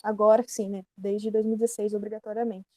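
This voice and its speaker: A woman's voice: medium pitch, flat delivery, fast, warm tone, dry recording. A woman with a Brazilian Portuguese accent teaching an online grammar lesson, explaining casually and correcting herself as she goes.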